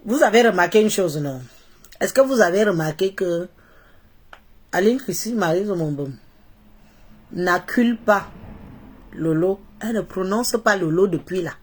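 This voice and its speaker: A woman from Cameroon with a Cameroonian accent and a head cold speaks to her live-stream followers in a mocking, opinionated way, repeating phrases for emphasis. Her congested voice is medium-pitched and animated, with a measured pace and frequent pauses.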